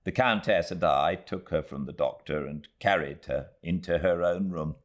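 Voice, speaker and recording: Reading a classic novel aloud, this low-pitched British audiobook narrator tells the story in a measured, expressive way.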